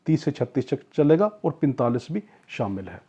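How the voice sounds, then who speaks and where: A law tutor delivers an explanatory exam-prep lecture in a didactic style, repeating key points, answering his own questions, and using everyday examples. His mid-range voice is warm and slightly rough, with big pitch swings at normal speed. The recording is dull and lo-fi.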